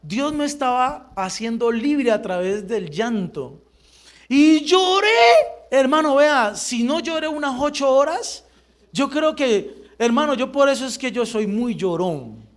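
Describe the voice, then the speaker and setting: A middle-aged man gives a lively church testimony, acting out the dialogue of his story. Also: very high-pitched, a little slow. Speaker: church member giving testimony.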